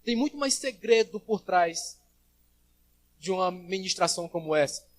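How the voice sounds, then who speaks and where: High-voiced pastor preaching. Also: male voice, lively intonation, normal speed. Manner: preaching with big swings in loudness, acting out quoted voices. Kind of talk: sermon. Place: church service.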